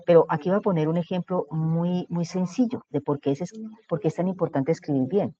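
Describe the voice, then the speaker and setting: Mellow-voiced lecturer, lo-fi. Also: male voice, fairly high pitch, fairly even intonation, brisk. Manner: explanatory, asks the audience questions. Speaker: workshop instructor. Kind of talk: lecture to a workshop audience. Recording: dull lo-fi recording.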